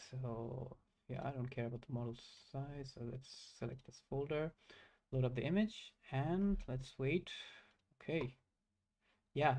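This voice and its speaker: Halting young man. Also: mid-range voice, a little mellow. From Bangladesh. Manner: halting, self-correcting, many fillers. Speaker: streamer coding live. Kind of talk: live coding stream, thinking aloud.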